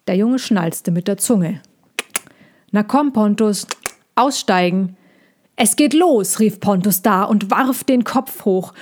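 A woman narrating a children's storybook in a calm, measured reading voice. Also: medium pitch.

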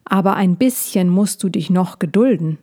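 A woman voicing a calm, caring young female dragon in a storybook reading, speaking gently. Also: on the low side, normal speed, lightly acted.

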